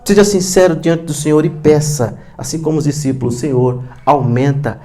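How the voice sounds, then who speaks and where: A man's voice: on the high side, brisk. A Brazilian man preaching a sermon in church, earnest and repetitive, often addressing his listeners as beloved. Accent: Brazilian Portuguese. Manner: earnest, repeats "amados", drops into quiet emphasis. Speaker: pastor.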